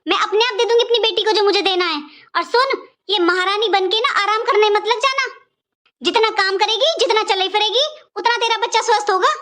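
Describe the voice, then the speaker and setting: A woman voicing a bossy, scolding middle-aged mother-in-law in an animated cartoon, speaking harshly and commandingly. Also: extremely high pitch.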